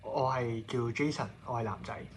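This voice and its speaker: Hong Kong Cantonese man, mid-pitched customer. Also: moderate pace, breathy edge. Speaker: customer booking an appointment. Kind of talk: casual phone-style replies.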